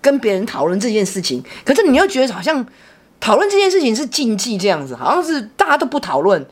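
A middle-aged woman, telling a personal story in casual chat. She talks in an animated way, with many restarts and repeated words. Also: on the high side, quick pace, breathy edge. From Taiwan. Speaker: podcast co-host, mother.

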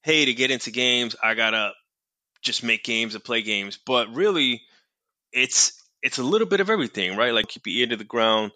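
A man's voice: mid-range voice, sharp tone, no room sound. A male host chatting casually, laid-back and conversational, often checking in with "right?". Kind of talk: casual podcast chat.

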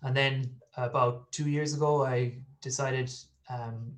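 A man's voice: medium pitch, steady tone, unhurried. A man around thirty with a west of Ireland accent, telling personal stories as a guest in a casual interview. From Galway, west of Ireland. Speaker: podcast guest, football fan.

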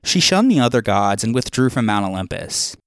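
A man hosting a podcast reads his scripted retelling of old myths in a steady storyteller's voice, dropping in small asides. His pitch sits mid-range for a man. The sound is dry and close, with no room around it. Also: a little fast, smooth, no echo. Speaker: podcast host.

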